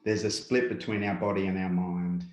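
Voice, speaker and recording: Low-voiced Australian man in a roomy space. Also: level tone, lo-fi sound. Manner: unhurried, filler-heavy, repeats "yeah" and "yep". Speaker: guest speaker, workshop presenter. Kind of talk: reflective conversational interview.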